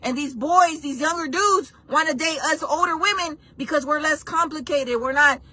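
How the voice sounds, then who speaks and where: A woman's voice: high-pitched, moderate pace, pushed and bright. A woman in her forties hosting a casual livestream chat, talking bluntly and playfully while she reacts to her chat. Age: 40s. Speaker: livestream host.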